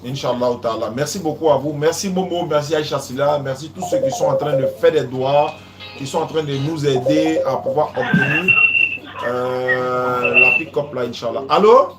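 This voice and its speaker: A man's voice: medium pitch, moderate pace, roomy sound, loud music behind the voice. A man hosting a live religious call-in, talking casually, repeating himself and often calling out to silent callers. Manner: repeats phrases, keeps saying "Inch'Allah" and "Allô?".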